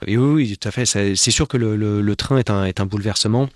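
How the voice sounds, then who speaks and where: Low-voiced guy chatting fast on a podcast, lots of euh and restarts. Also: dry recording, clean studio sound. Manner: hesitant, many fillers and restarts. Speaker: podcast guest, watch specialist. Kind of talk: casual conversation.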